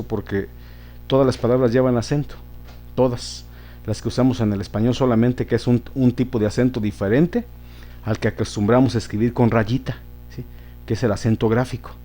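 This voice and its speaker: A man's voice: mid-range voice, warm tone. A man teaching a grammar lesson, patiently repeating words and checking in with his listeners.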